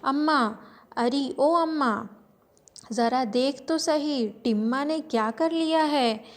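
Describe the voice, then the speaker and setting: A woman's voice: high voice, slow pace. A woman voicing a widowed mother, frantic and tearful, pleading in a wailing voice. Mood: distraught.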